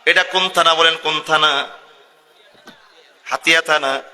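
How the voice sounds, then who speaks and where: Male preacher, high and cutting tone, rousing sermon to a live crowd, heavy reverb. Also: fairly even intonation, measured pace, pushed and bright. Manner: calls on the crowd to answer, chants Arabic verses in sing-song. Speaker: preacher (mufti). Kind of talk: Bengali Islamic sermon. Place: sermon gathering with live audience. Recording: long booming hall reverb.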